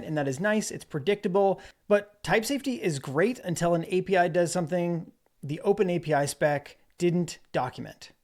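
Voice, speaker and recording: A man giving a relaxed screen-recorded coding walkthrough, narrating as he types. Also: high-pitched. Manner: relaxed explanatory, narrates while typing. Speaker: developer presenter.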